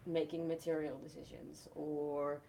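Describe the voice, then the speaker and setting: A young woman from the Netherlands talks in a low voice and explains things one step at a time. She sounds relaxed, like she is in a casual interview chat. A faint rumble sits under the recording. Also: unhurried, vocal fry. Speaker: festival host.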